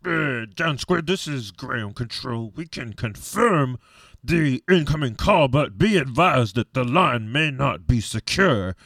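A man voicing a deadpan mission-control radio operator over a sci-fi communicator, in slow, clipped radio-speak. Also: medium pitch, vocal fry, dry recording, pitched below the performer's own voice, full character voice. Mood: official.

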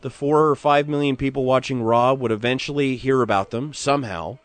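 A man's voice: mid-range voice, fairly even intonation, a little fast, no echo. A man giving casual, explanatory wrestling commentary as an analyst in a conversational manner.

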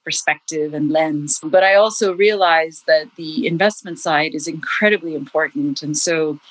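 Lady from india who grew up in morocco, low voice, measured and steady, dry recording. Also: no room sound, rough recording. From India, raised in Morocco. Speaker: guest, investor. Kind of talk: casual interview talk.

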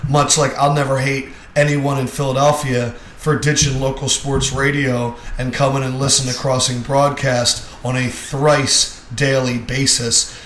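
A man's voice: mid-range voice, a bit bright. A man hosting a sports podcast in a casual, upbeat, wisecracking way, his voice echoing as if recorded in a cave. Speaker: podcast host. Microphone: podcast microphone. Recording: echoey cave-like room sound with faint background hum.

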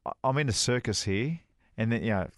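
A middle-aged man, a former touring golf pro, co-hosting a podcast and telling an animated anecdote in casual chat. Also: brisk, no echo, clean studio sound. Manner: animated anecdote teller, rises high acting out quoted dialogue.

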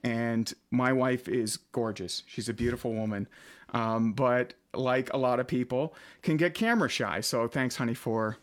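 A man in his late 30s with a mid-range voice hosts a casual podcast from his basement studio, speaking at a moderate pace. He's a podcast and radio host who chats and rambles with lots of fillers.

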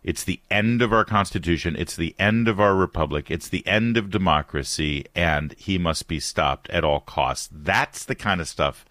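A man's voice: deep voice, normal speed, hardly any pauses, no echo. A man hosting a talk radio show, ranting with passion and mocking his opponents before taking calls. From Detroit, USA. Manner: impassioned, mocking, animated. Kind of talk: talk radio monologue and call-in.

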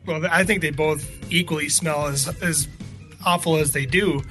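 A man's voice: a little high, fairly even intonation, moderate pace, music in the background. A man hosting a sports podcast, chatting casually and teasing his co-host. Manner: joking, teasing banter.

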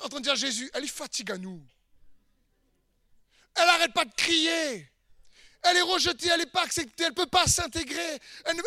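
A man preaching an emphatic sermon, hammering home repeated phrases, sometimes shouting, and putting direct questions to the listener. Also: extremely high pitch, dry recording, studio quality. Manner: speaks straight to the listener with questions.

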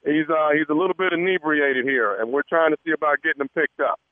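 Calm man posing as a police officer over the phone. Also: a little high, fast, no echo. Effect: heard over the phone. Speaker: radio prank caller. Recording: tinny phone line, dry.

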